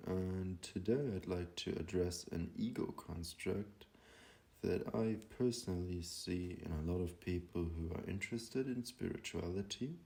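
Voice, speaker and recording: A man leading a guided meditation, speaking calmly and softly with long pauses. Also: sits low, gravelly. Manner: slow, calm and soft-spoken, with long pauses.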